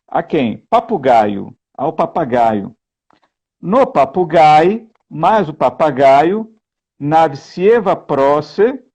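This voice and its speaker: A man explaining grammar and translation in a lesson, slow and explanatory, often checking in with "né?". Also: on the high side, a little mellow. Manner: slow, explanatory, keeps asking "né?". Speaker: guest reading and translating a text.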